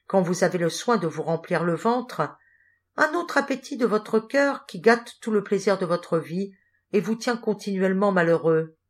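A stern, pious old knight lectures with slow solemnity in a low voice, as a woman reads him in an audiobook. His tone is moralizing and grave.

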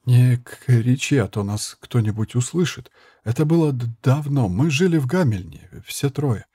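A man doing gentle stammering monk Tomas. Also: medium pitch, expressive, normal speed, breathy edge, dry recording, clean studio sound. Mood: calm. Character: calm young monk Tomas, soft-spoken.

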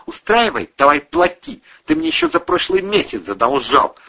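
A man voicing a stern middle-aged landlady who speaks coldly and firmly and shouts, in a dull lo-fi recording. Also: sits high, wildly swooping pitch, normal speed, creaky, husky, pitched above the performer's own voice, heavily acted. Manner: cold, firm and shouting.

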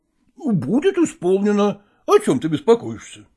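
A man doing a husky evasive husband. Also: sits high, wildly swooping pitch, unhurried, warm tone, voice pushed down, full character voice. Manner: soothing, hesitant, excuse-making. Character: evasive actor husband, placating, fibbing. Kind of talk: audiobook character voice.

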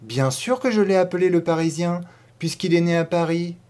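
A man's voice: fairly high pitch, moderate pace, a little mellow, pitched above the performer's own voice, lightly acted. A man playing a simple, cheerful peasant maid. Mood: proud. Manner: simple, proud, friendly. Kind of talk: audiobook character voice.

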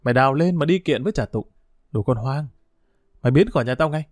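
A man voicing a sly, stubborn village dog thief who taunts and scorns in quick, rough speech. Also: medium pitch, animated, no room sound, clean studio sound, lightly acted. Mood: scornful, taunting.

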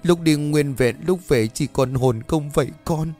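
A man's voice: on the high side, unhurried, warm tone, faint music behind, voice pushed up, lightly acted. A man voicing a grief-stricken old mother who pleads and stammers through tears, in a told ghost story. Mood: anguished.

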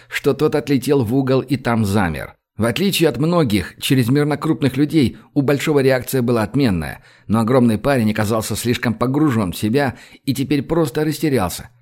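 A man's voice: medium pitch, darkish tone. Man reading an audiobook aloud. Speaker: audiobook narrator. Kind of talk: audiobook reading with voiced characters.

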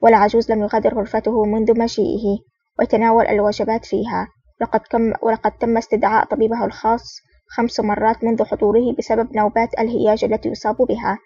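A woman's voice: a little high, little pitch movement, quick pace, warm tone, slightly rough, no room sound. A woman reading the lines of an eager, polite young female agent in an earnest, respectful manner. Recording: dull, distant, dry recording.

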